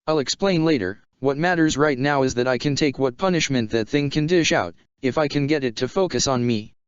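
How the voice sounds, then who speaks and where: Young swordsman, determined and flat out matter-of-fact, man reading him, smooth voice, slightly dull. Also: medium pitch, fairly quick, no echo, close to an everyday voice. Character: young male swordsman with a growling voice. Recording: dull lo-fi sound.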